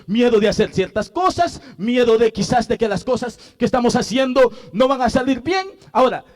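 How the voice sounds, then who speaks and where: A male pastor preaching a sermon, asking the congregation questions and repeating verses. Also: extremely high pitch. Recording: long hall reverb.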